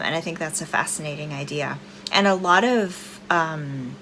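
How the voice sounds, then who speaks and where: A woman's voice: low voice, poor audio. A woman hosting a film review vlog, chatting informally and enthusiastically to her viewers, with a fan running behind her. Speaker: host of a horror film review channel. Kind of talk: casual chat to viewers. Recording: steady fan noise behind the voice.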